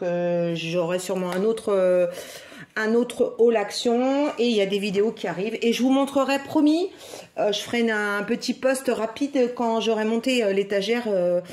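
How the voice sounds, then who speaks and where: A chatty woman from France tells a story straight to camera in a relaxed, conversational vlog style. Her voice sits at an everyday middle pitch, and she acts out each quoted exchange with lively back-and-forth. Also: slight background noise. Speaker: craft vlogger. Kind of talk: casual chat to camera.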